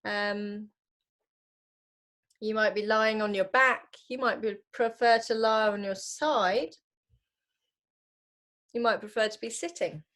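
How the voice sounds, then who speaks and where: In a medium-pitched voice, a woman acting as a yoga teacher eases listeners through a guided relaxation. She speaks slowly and gently, pausing after each phrase.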